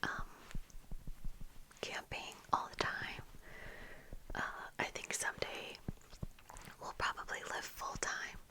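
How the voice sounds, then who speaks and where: A young woman speaking in a breathy whisper, softly and casually rambling in an ASMR style, close to the microphone. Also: low-quality recording. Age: young adult. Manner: soft, unhurried, casual rambling. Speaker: ASMR video creator. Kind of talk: whispered ASMR, casual get-ready-with-me chat. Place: small indoor room at home with bookshelves. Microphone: close fluffy-covered microphone, monitored on earphones.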